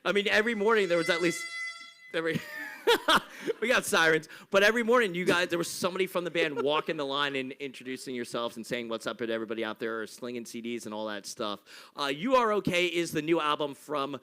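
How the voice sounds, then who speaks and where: Loud hyped up guy hosting a music show, bright voice. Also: on the high side, fast, clear, resonant tone. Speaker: radio show host. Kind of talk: casual interview chat.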